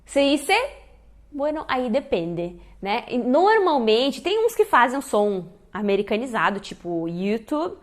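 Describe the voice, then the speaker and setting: A woman's voice: on the high side, unhurried. A young woman hosts a casual online lesson and quizzes the viewer as she goes. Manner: lively, quizzes the viewer, gives spoken examples. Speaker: Spanish teacher, channel host.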